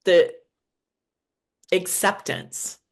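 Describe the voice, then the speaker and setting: An older woman hosting a podcast, talking in a halting way with many restarts. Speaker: podcast host. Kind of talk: podcast conversation.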